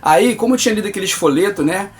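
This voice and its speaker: Speaking fast in a high-pitched, expressive voice, a man with a Brazilian Portuguese accent gives an earnest, emphatic religious testimony, calling his listeners brother.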